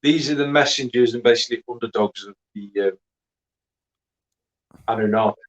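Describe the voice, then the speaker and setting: A man's voice: mid-range voice, normal speed, poor audio. A man with a Northern English accent co-hosting a casual podcast, making dry, blunt quips. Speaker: podcast co-host. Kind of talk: casual chat.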